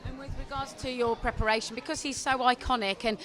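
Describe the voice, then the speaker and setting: A woman's voice: sits high, steady tone, fast talker, a bit bright, some chatter behind. A woman interviewer asking upbeat, leading questions at an outdoor film premiere. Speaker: entertainment interviewer. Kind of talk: red-carpet interview questions.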